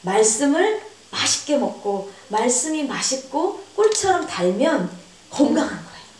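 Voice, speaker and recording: A woman, a pastor's wife, preaching a sermon at a church seminar with earnest emphasis, acting out quoted voices with sudden high pitch jumps. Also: very animated, normal speed, darkish tone, slight background noise. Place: church hall. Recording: echoey church hall, voice from far off.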